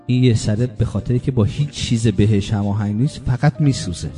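A man preaching a sermon in a mellow, dark voice. He keeps asking rhetorical questions and moves between loud, stressed points and quiet, low asides. Faint music plays behind him. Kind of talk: religious sermon.

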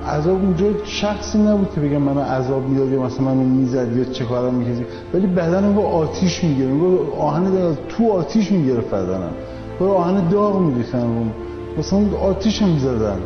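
A man gives a personal testimony in a halting, distressed way, with a voice a little higher than most men's. The recording is dull and echoes with a long hall reverb. Music plays clearly behind him. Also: animated.

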